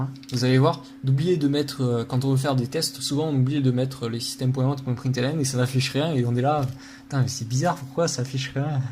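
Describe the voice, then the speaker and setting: Coding at his computer, a programming tutor talks through his thoughts with lots of filler words and laughs off his own slip-ups in a relaxed lesson. His voice is medium-pitched, with a little hiss or hum on the recording.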